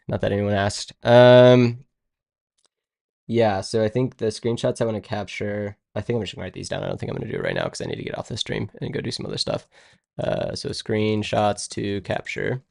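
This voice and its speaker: A man's voice: fairly low pitch, animated, normal speed, vocal fry, darkish tone, dry recording, studio quality. A man live-streaming his coding work, thinking aloud in a rambling, casual way and muttering to himself as he goes. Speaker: live-streaming web developer.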